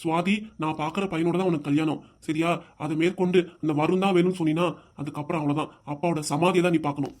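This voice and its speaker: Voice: medium pitch, fairly even intonation, fast, a little hiss or hum, close to an everyday voice. A performer voicing a strict, hot-tempered middle-aged father with a southern Tamil accent, who scolds his wife and weeps. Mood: scolding. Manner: scolding, shouting, then weeping.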